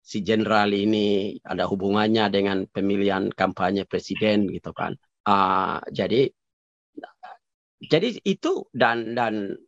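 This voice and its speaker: A man's voice: on the low side, vocal fry, no room sound. A man giving conversational political commentary as an interview guest, hesitant with many fillers and restarts, dropping in English phrases. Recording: dull lo-fi recording.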